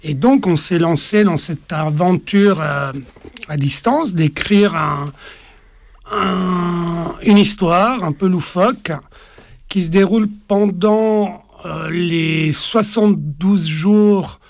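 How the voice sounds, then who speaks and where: Hesitant man in his forties, gravelly. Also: high voice, slow, no echo. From Italy. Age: 40s. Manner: hesitant, many fillers and restarts. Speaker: author. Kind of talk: interview conversation.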